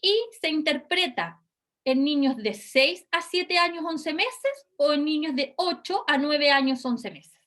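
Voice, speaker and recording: High-voiced woman lecturing. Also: animated, measured pace, fairly bright tone. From Chile. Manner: explanatory, often checking in with a questioning "ya?". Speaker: university lecturer. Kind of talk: recorded class lecture.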